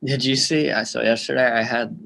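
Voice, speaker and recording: A man's voice: medium pitch, fairly even intonation, fairly quick, gravelly, a bit bright. A man co-hosting a betting podcast, explaining his college basketball pick in a loose, casual way. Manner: explains picks loosely with fillers. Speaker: podcast co-host. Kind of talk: casual sports betting analysis.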